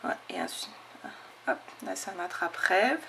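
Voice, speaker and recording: With huge pitch swings in a fairly low, gravelly, slightly bright voice, a scrapbooking channel host speaks at a moderate pace. She's showing her craft mail to viewers in an eager, chatty show-and-tell packed with fillers and "hop". A little hiss or hum can be heard.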